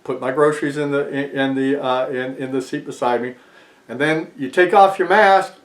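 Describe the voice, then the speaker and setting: A man's voice: mid-range voice, fairly even intonation, moderate pace. An American man in his sixties explains things casually to camera, speaking slightly muffled through a face mask. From lives in Texas, United States. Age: 60s. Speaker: video presenter. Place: small furnished room indoors, seated in armchair. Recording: echoey small room.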